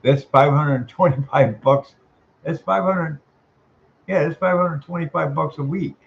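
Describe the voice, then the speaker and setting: A somewhat high, slightly slow voice with vocal fry belongs to an older man venting on the phone as a tenant. Indignant and emphatic, he rambles and says the same things again. The recording is dull and lo-fi, with background noise.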